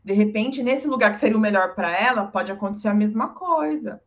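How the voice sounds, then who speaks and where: A woman's voice: mid-range voice, brisk. A woman in a casual advice chat, speaking animatedly and often acting out what other people say. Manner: animated, often acts out quoted speech. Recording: dull lo-fi recording.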